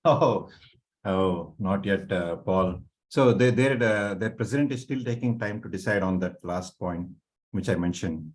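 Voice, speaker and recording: A man explaining things informally on a video call in an online meeting, in a halting, repetitive way. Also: low voice. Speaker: working group participant presenting.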